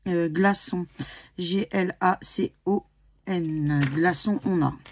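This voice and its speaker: A woman's voice: fairly low pitch, fairly even intonation, slow pace, a little mellow, a little hiss or hum. A woman from France chatting casually as she scratches lottery tickets, spelling out letters one by one with many hesitations. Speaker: scratch-card YouTuber. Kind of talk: casual commentary while playing scratch cards.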